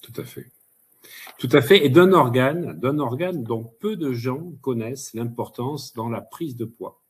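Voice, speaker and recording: A man's voice: medium pitch, measured pace, husky. A man speaking as a guest expert on a webinar, chatty and emphatic, with frequent fillers. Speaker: guest expert, hypnotherapist and pharmacist. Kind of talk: casual webinar talk.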